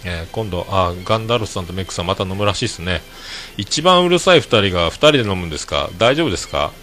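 A man with a hoarse voice, hosting his own show and chatting casually to listeners with many fillers and chuckles. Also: low-pitched, animated, fast, a bit bright, faint music behind. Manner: rambling, many fillers, laughs at own jokes. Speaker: podcast host. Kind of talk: casual solo chat to listeners.

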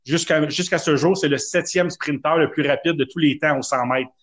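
Chatty Québécois man, fairly high voice. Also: normal speed, a bit bright. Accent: Québécois French. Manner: chatty, self-mocking, storytelling. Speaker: podcast co-host. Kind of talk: casual chat.

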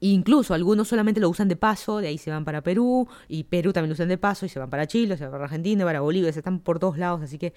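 Speaking in a fairly low, slightly mellow voice, a Peruvian woman races along with few pauses as she hosts a podcast from her home in Miami. Her casual solo commentary is opinionated and rambling, full of asides, in a Peruvian Spanish accent.

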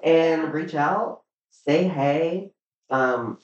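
A man's voice: a little high, very slow. A man co-hosting a podcast in casual chat, gushing, swearing freely and drawing words out. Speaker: podcast co-host. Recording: roomy, distant, dull sound.

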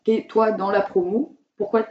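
A young woman giving informal, halting explanations as a student guest in a casual interview. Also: medium pitch, fairly even intonation, background noise. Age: young adult. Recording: roomy, distant, dull, background chatter.

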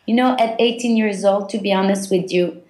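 A woman from Belgium, a guest on a podcast interview, speaking reflectively and haltingly with many fillers. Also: medium pitch, a little mellow, roomy sound.

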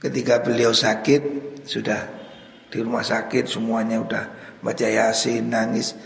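A man with a Javanese accent, a kiai teaching a classical religious text, who voices the quoted dialogue in a raised pitch. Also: flat delivery, normal speed, gravelly, a little hiss or hum. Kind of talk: Islamic text study lecture. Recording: echoey hall recording.

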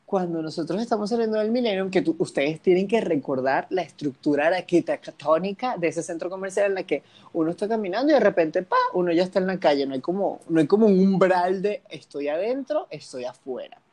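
A man's voice: sits high, lively intonation, a little fast, hardly any pauses, a little mellow. A Venezuelan man co-hosting a casual podcast, bantering in a playful, teasing, slangy way. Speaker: podcast co-host. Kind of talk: casual chat.

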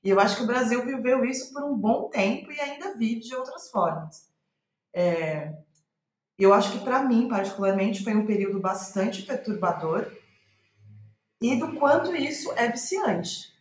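Her voice sits a little high and is expressive, at a normal speed, with a Brazilian Portuguese accent. As a playwright guesting on a podcast, she muses aloud in the interview and keeps rephrasing as she goes, recorded in an echoey, roomy room.

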